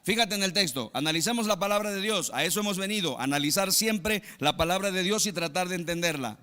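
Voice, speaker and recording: Male Mexican pastor, emphatic sermon delivery, bright tense tone, long hall echo. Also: animated, fast talker. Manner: emphatic preaching, swings between loud exclamations and low asides.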